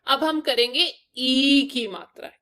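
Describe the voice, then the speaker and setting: Slow, patient woman teaching children. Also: sits high, expressive, pushed and bright. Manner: patient, step-by-step, addresses children. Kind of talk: children's Hindi lesson.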